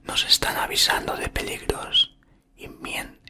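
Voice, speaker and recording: A man reads aloud in a breathy, unvoiced ASMR whisper with a bright, airy edge. He takes it slowly and haltingly, murmuring right up against the microphone. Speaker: ASMR content creator. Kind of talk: whispered ASMR reading from a book. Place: small room indoors. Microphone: desktop condenser microphone, very close.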